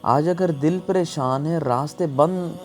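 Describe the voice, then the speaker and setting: Music accompanies a preacher narrating a scripted, heartfelt sermon in a pleading, earnest manner. He has a slightly high voice with a darkish tone.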